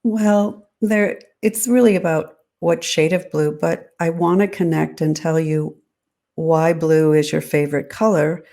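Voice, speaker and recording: A woman designer as an interview guest, explaining her ideas in a measured, thoughtful way. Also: sits low, steady tone, mellow. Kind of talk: interview answers.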